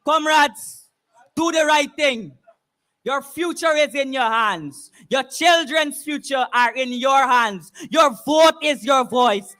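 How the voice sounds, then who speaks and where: A man with a Guyanese accent giving a fiery, impassioned revolutionary speech as a political rally speaker, often shouting. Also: extremely high pitch, takes it slowly. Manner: fiery, impassioned, revolutionary call-to-action oratory; shouting much of the time. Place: public political meeting, speaking to a crowd.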